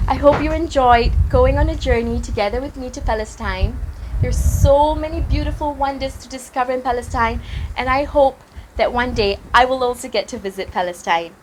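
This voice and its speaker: A woman reading a children's picture book aloud, in a gentle, expressive storytelling manner. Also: high-pitched, moderate pace, noisy background.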